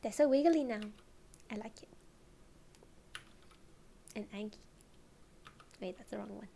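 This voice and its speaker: A woman streamer chatting casually, giggling often and drifting into soft whispers. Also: mid-range voice, unhurried, creaky, a little hiss or hum.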